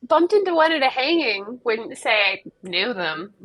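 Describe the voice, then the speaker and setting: A woman's voice: a little high, very animated, measured pace, fairly bright tone, no echo, full character voice. A woman voicing a wry, unbothered female adventurer with scales, speaking in a dry, teasing, mock-polite way in a tabletop game.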